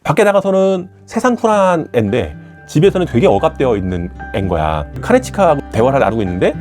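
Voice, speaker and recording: Fast, animated man retelling a manga. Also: medium pitch, faint music behind. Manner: retells scenes and acts out characters' lines with a shifting voice. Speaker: manga commentator. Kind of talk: animated storytelling commentary.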